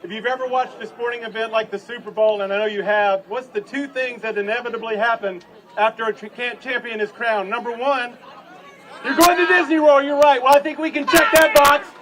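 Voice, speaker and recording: Addressing a crowd from an outdoor stage at a public ceremony, the city manager keeps his speech folksy and informal. He talks fairly quickly in a very high-pitched voice with fairly even intonation and a bright, forceful tone. It's picked up from a far-off outdoor PA amid crowd and other noise.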